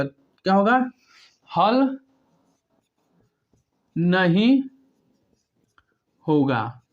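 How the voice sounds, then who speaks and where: A math teacher working step by step through a problem, asking questions and answering them himself, with long pauses between words. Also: medium pitch. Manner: asks and answers own questions. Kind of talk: step-by-step whiteboard lesson. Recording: dull lo-fi recording.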